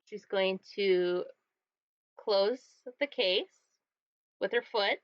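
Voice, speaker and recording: A woman's voice: medium pitch, extremely slow, no room sound. A woman running a tabletop game as game master, casually describing the action step by step. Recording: dull, dry lo-fi sound.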